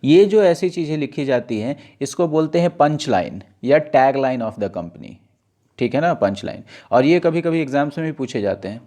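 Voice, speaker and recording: A male teacher runs an exam-prep lesson, reading newspaper lines aloud slowly and deliberately. His medium-pitched voice is mellow and expressive, and he keeps putting questions to his students only to answer them himself.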